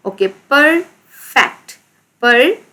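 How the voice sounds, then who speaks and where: Slow-spoken Pakistani woman teacher. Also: high-pitched, expressive, pushed and bright. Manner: spells words letter by letter, repeats words, says "ठीक है" a lot. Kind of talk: slow classroom lesson explaining English in Urdu.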